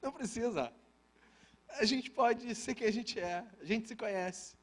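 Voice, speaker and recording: High-voiced Brazilian pastor preaching. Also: male voice, a little slow. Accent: Brazilian Portuguese. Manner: conversational, humorous asides to the congregation. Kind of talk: sermon with personal storytelling. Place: church service.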